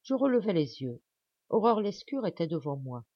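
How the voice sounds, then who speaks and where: A woman narrating an audiobook with measured, even storytelling. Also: lowish voice, no echo, dull audio. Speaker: audiobook reader.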